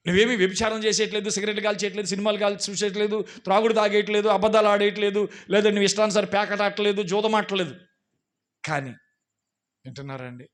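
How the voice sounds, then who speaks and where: A man with a Telugu accent preaching a sermon in a fairly high voice. He builds to loud, emphatic repetitions, then drops low to question the congregation directly. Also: fairly even intonation, quick pace. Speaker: pastor.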